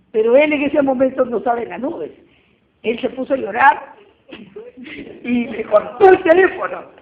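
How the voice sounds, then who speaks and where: High-voiced woman, tinny phone line. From Peru. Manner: animated storyteller acting out dialogue. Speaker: guest giving testimony. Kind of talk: personal church testimony.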